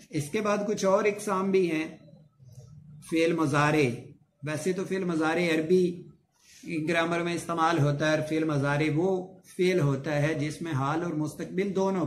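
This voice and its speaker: Echoey Urdu-speaking man teaching grammar. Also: fairly high pitch. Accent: Pakistani Urdu. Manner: explains slowly with many repeated examples. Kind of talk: spoken grammar lesson. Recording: echoey room with faint ambient noise.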